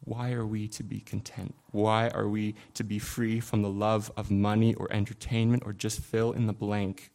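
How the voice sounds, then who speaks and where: A man preaching a sermon in an earnest, confessional way, building from quiet reflection to impassioned emphasis. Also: fairly low pitch, level tone, normal speed, creaky, few pauses.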